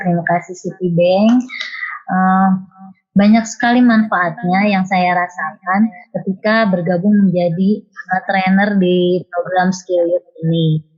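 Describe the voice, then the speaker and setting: A woman's voice: fairly low pitch, dull audio. A woman teacher and trainer giving a formal testimonial over an online call whose audio keeps breaking up, speaking with frequent hesitant fillers. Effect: choppy call audio breaking up. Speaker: teacher and soft-skills trainer. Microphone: video call.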